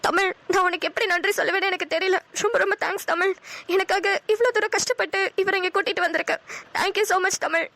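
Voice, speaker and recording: A woman playing a high, pleading young wife. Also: steady tone, fast, bright, forceful tone, no room sound, heavily acted. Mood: grateful. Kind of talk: cartoon voice acting.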